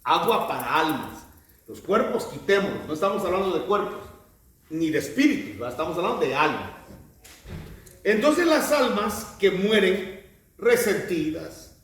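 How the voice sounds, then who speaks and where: A man preaching a sermon, telling the story with animated delivery and acting out quoted voices. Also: high-pitched, moderate pace. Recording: very echoey room, mic at a distance.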